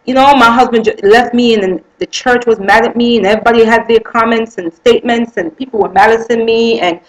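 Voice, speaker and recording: A woman tells her own life story as an earnest, emotional testimony, casual and spoken, repeating phrases for emphasis. Her sentences run together loosely, peppered with "I mean" and "you know." Her voice is a little high and fairly even, her pace fairly quick, and the audio is poor.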